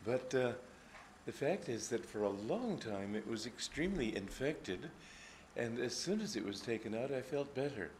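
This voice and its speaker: A man's voice: mid-range voice, animated, normal speed, a little mellow, a little hiss or hum. An older man, a spiritual teacher, giving an informal, reflective talk with anecdotes and frequent hesitations. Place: gathering hall.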